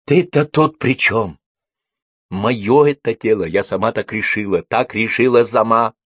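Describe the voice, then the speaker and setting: Male reader voicing defiant young woman, husky, lifted a little in pitch. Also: animated, fairly quick, no echo. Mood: crying out. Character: stubborn young Soviet woman.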